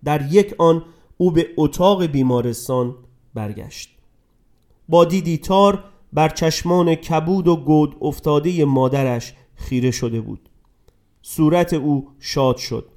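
A man narrating a dramatic story in a scripted reading, dropping to a hush and rising with emotion. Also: a little high. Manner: dramatic, swings between hushed and raised voice.

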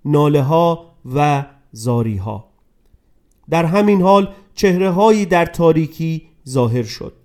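A man narrating a dramatic story in a scripted reading, dropping to a hush and rising with emotion. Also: a little high. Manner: dramatic, swings between hushed and raised voice.

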